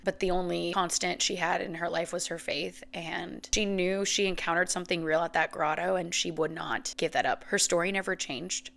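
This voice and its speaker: Her voice is lowish and gravelly with a hint of vocal fry, yet fairly bright and steady in tone. A podcast host in her thirties, she offers a heartfelt faith reflection on the verge of tears, padding her pauses with "like" and "you know."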